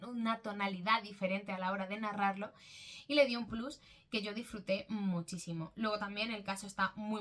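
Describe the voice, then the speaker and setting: A woman's voice: medium pitch, a bit bright. A woman with a Spanish accent from Spain, chatting casually as a book vlogger, full of fillers and self-corrections.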